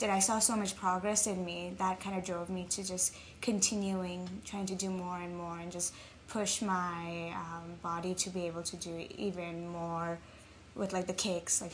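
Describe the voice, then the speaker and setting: A young woman from Nepal, talking reflectively as an interview guest, with frequent ums. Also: lowish voice. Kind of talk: casual interview. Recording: faint background noise.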